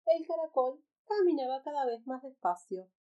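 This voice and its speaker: Woman storyteller, children's tale read aloud, animated intonation, slightly high voice. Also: normal speed, lo-fi sound.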